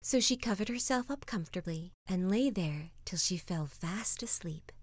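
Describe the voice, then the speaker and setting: A woman reading a fairy tale as a soft bedtime story, often slipping into a whisper. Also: lowish voice, lively intonation, normal speed, dry recording, clean studio sound.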